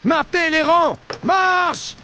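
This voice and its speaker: An eager, obedient medieval soldier, barks clipped martial lines for a video game. His voice is very high and forceful, with a gravelly edge. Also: extremely slow, slight background noise, full character voice. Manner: martial, clipped, shouted commands.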